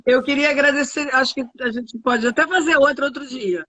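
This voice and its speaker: A woman's voice: high-pitched, a little fast, a bit bright. A woman with a Brazilian Portuguese accent, hosting a live stream on a video call and thanking the audience as she wraps up. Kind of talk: casual live-stream chat.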